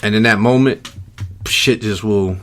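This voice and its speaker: A man's voice: lowish voice, measured pace. A man co-hosting a podcast, chatting casually and telling stories, often laughing and acting out the voices of people in them. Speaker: podcast co-host. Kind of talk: casual chat, animated storytelling.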